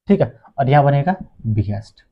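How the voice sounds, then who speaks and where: Lively man teaching grammar. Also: mid-range voice, breathy edge, narrow, tinny audio. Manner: asks rhetorical questions and answers them, repeats words slowly. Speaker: English teacher. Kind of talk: classroom grammar lesson.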